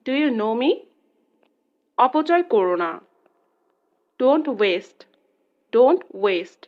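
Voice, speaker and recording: Slow, lively woman reading drills. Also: a little high. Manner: says each phrase in Bengali, then repeats the English twice, slowly. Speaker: English teacher. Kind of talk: reading phrase drills aloud. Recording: dull lo-fi sound.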